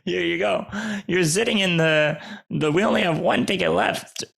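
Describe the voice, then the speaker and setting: A man's voice: sits high, normal speed, gravelly, a bit bright, exaggerated voice. A man improvising a flustered opera ticket seller who stammers. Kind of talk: improvised comedy scene.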